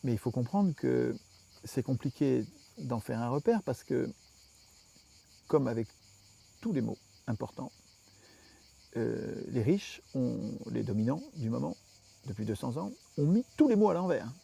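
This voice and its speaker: A man's voice: medium pitch, animated, unhurried, gravelly, pauses often, mellow, breathy edge. A French man, interviewed, explaining his political views at length with emphatic reasoning and frequent restarts.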